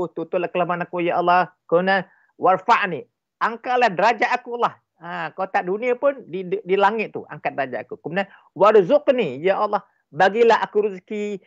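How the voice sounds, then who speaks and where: Animated Malaysian man explaining. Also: high voice, no echo, dull audio. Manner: animated, emphatic, repeats points for effect. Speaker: relationship expert guest. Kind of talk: explanatory interview talk.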